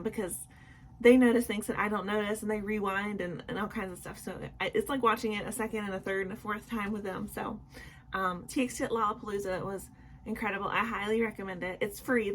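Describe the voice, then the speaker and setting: A young woman vlogger with a mid-range, slightly bright voice sounds sick, with a sore throat. Chatting casually at home for her nightly vlog, she apologizes and fills her speech with ums and likes, over slight background noise.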